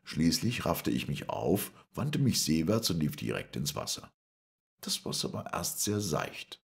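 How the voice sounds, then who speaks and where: Very deep, gravelly male narrator. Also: a little slow. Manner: dramatic, expressive reading. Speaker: audiobook narrator. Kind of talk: scripted first-person narration.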